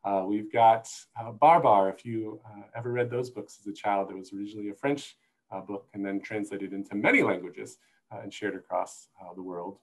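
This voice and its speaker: Over a video call from a room indoors, a middle-aged American man who manages zoo conservation gives an informal slide talk as a guest expert. His earphone headset yields poor audio, and he speaks briskly in a lowish voice with fairly even intonation.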